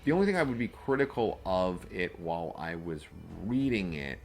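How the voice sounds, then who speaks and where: A man's voice: deep voice, big pitch swings, normal speed, soft background music. A man co-hosting a podcast in a casual, rambling chat, full of fillers and restarts. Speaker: podcast co-host and game master.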